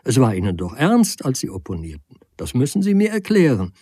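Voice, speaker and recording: Male reader doing playful hostess, raised pitch, mellow husky tone. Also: huge pitch swings, a little fast, no room sound, clean studio sound. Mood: coaxing. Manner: teasing, bubbly. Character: lively chatty hostess, teasing woman.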